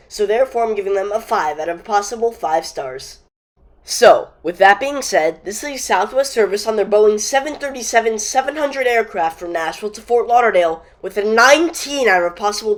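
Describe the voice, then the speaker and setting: A woman with a medium-pitched voice narrates a travel vlog. She reads a prepared review as the trip reporter, in a scripted narration style.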